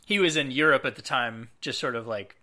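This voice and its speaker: Bright-voiced man chatting about films. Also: mid-range voice, fairly quick. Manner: relaxed, lots of fillers, acts out quotes. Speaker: podcast co-host. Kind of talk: casual film discussion.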